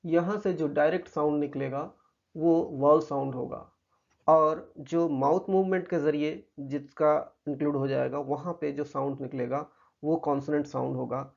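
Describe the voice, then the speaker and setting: Indian man, grammar teacher, patient explanations, gravelly voice, dull lo-fi sound. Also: on the high side, steady tone, darkish tone. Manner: patient, explanatory, reads English examples slowly. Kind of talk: grammar lesson explaining slides. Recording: muffled lo-fi recording.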